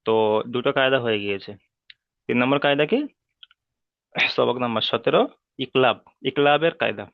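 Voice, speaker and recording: A man's voice: mid-range voice, gravelly, dry recording. Man teaching tajweed over a tinny line. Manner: patient and repetitive, drilling rules and asking checking questions; chants Arabic sounds slowly when modelling them. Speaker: Quran recitation teacher. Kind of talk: online tajweed lesson. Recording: dry, tinny phone-like sound.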